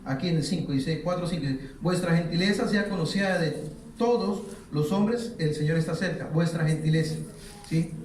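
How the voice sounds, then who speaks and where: A man preaches a sermon, asking the congregation questions for them to finish. His slightly high voice carries through a very echoey church hall, picked up from a distance with a faint background hiss. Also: moderate pace, a little mellow. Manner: asks the congregation fill-in questions. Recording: very echoey hall, mic far off.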